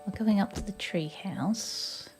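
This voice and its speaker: A woman's voice: mid-range voice, a little slow, over music. An older woman giving casual, chatty commentary while playing a video game. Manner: chatty, giggly, talks to herself. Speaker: let's play host.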